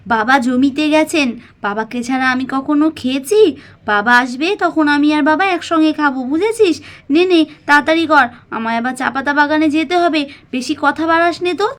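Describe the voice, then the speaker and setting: A woman's voice: sits high, normal speed, fairly bright tone. A woman voicing a poor, self-sacrificing young village mother who speaks emotionally and tenderly to her daughter.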